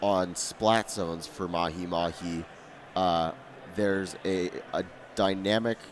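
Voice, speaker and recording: A man doing live esports commentary as a playful, excitable co-caster. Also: low voice, slow pace, slight background noise.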